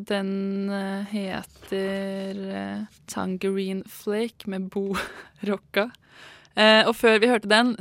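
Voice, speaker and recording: A woman hosting a radio chat, talking quickly and chattily with many hesitations. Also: mid-range voice, dry recording. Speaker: radio host.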